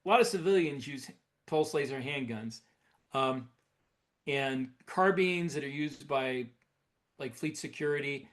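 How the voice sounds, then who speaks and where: A science fiction author co-hosting a podcast chats casually and enthusiastically about sci-fi weapons, explaining things like a hobbyist. His voice is medium in pitch and his pace measured.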